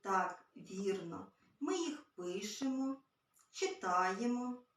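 A woman teaching a literacy lesson to small children, gently and patiently. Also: mid-range voice, expressive, slow pace. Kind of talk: early-years literacy lesson. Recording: very echoey room, far from mic.

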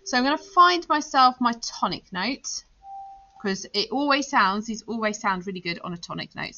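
An English woman and music teacher talks through a software tutorial step by step, thinking aloud with fillers. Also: mid-range voice, lo-fi sound. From England. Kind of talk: screen-recorded software tutorial.

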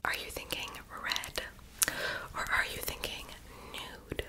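A young woman doing a whispered role-play in a breathy, unvoiced ASMR whisper with tingly mouth sounds. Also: takes it slowly. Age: young adult. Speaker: ASMR performer playing a friend doing homework and makeup on the listener. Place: small bedroom, indoors.

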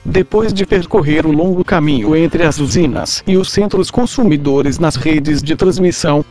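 A man's voice: on the high side, a little mellow. A man doing a robot-voiced mad scientist. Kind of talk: comedic scripted explainer.

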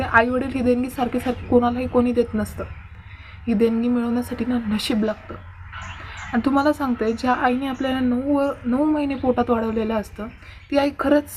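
A woman's voice: fairly high pitch, slight background noise. A teenage girl hosting a casual advice vlog, earnest and lecturing, speaking straight to her viewers. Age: teens. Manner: earnest, lecturing, keeps addressing viewers directly. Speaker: vlogger host.

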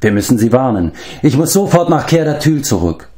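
A man reading an audiobook, voicing a noble adult male prince and war leader who speaks in a measured, commanding way. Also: mid-range voice, big pitch swings, warm tone, voice pushed up, lightly acted.

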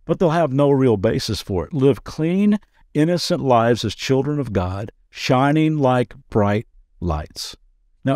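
A man's voice: mid-range voice, darkish tone, dry recording, clean studio sound. A man pastor giving a daily devotional podcast talk in an earnest, conversational way, with playful asides.

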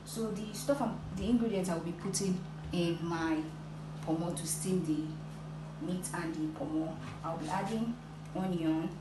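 Lady cooking at home, lowish voice, echoey kitchen, lots of noise behind. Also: measured pace. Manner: plain step-by-step, addresses viewers as "guys". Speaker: cooking vlogger. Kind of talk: casual cooking walkthrough. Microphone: phone camera.

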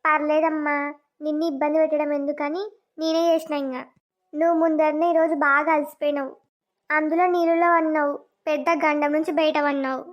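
A kind, soothing mother-in-law from a village cartoon, voiced by a woman. She speaks gently in a very high voice. The audio is dull and lo-fi. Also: flat delivery, a little fast, lightly acted. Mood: caring.

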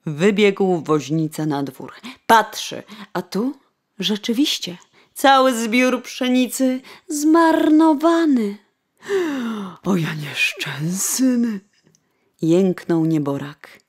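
A woman reading a fairy tale aloud, in an expressive manner that often drops to a whisper. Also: mid-range voice. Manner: slow, expressive, dropping to a whisper. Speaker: storyteller.

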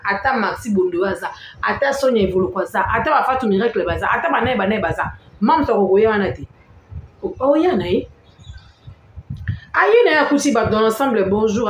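A woman from Congo, giving an animated gossip commentary, stressing and repeating her points with sudden rises in her voice. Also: a little high, echoey room, low-quality recording. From Congo-Kinshasa. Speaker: online celebrity-gossip commentator. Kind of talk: animated commentary vlog, mixing languages.

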